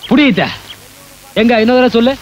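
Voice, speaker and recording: A cocky village coconut climber. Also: male voice, very high voice, fairly quick, lo-fi sound, slight background noise. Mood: defiant. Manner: cocky, teasing, bluster. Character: cheeky village coconut climber, drunkard man. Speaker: film actor.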